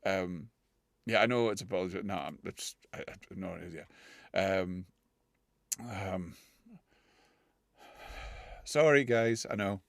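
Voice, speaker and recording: A British man tries out accents for fun in a casual comedy video, chatting and laughing at himself between attempts and slipping in and out of voices. His low voice is measured and creaky with vocal fry, and he pauses often, talking loosely in stops and starts. The studio sound is clean with no room noise.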